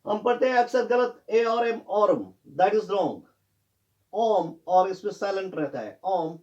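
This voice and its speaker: A man's voice: sits high, expressive, normal speed, a little mellow, muffled recording. A man teaching pronunciation in Hindi, spelling words out letter by letter and correcting common mistakes. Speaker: English teacher. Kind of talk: classroom lesson on pronunciation.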